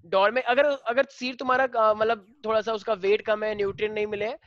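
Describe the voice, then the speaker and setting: A male teacher with an Indian accent explaining biology to a class, switching between Hindi and slowly dictated English lines. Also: high voice, level tone, highs cut off, background noise.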